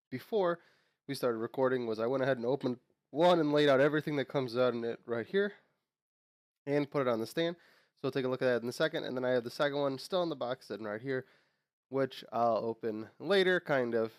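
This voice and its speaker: A young man of medium pitch hosts his channel in clean studio sound without echo, his voice nasal from a cold. He casually rambles through unboxing and lore talk, leaning on fillers and restarting himself.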